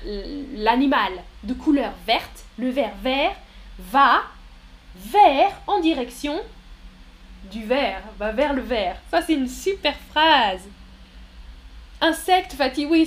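A woman teaching French on a live stream, patiently explaining grammar with examples and often praising viewers' answers. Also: fairly high pitch. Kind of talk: live-stream language lesson answering chat.

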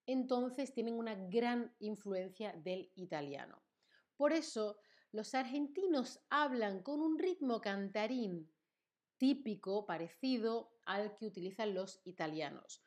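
A woman's voice: mid-range voice, lively intonation, unhurried, a little mellow. A woman from Spain with a Spain Spanish accent, teaching Spanish on a live stream in a chatty way, reading chat messages aloud and often checking in with the viewers. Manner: chatty, reads chat aloud, tag questions. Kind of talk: live-streamed language lesson.

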